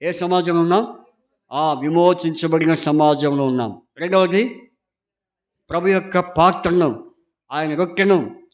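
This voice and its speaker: A male pastor preaching a Sunday sermon, reading scripture slowly and repeatedly asking the congregation questions, urging them to answer aloud. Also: fairly high pitch. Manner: reads scripture slowly and emphatically.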